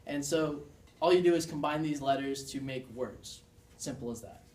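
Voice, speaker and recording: A man's voice: fairly high pitch, moderate pace, a little mellow, slight background noise. A young man giving a class presentation as a student, explaining and demonstrating signs in an earnest way. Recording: echoey room, mic far off.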